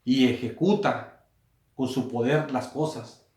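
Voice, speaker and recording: A man's voice: mid-range voice, slow pace. Preaching man in an echoey room. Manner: repeats and rephrases, rises to loud emphasis on quoted words. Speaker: pastor. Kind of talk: sermon. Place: small room.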